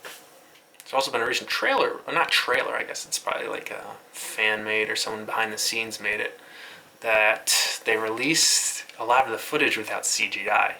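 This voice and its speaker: In a fairly low voice, pushed and bright, a man recaps web news at a moderate pace. The commentary is loosely scripted, casual and offhand, with occasional cursing, and the poor audio has some light noise.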